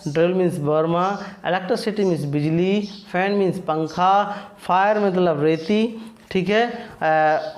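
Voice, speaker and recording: A man teaching an English vocabulary lesson, casual and repetitive, often asking a question and answering it himself. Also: sits high. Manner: casual, self-correcting.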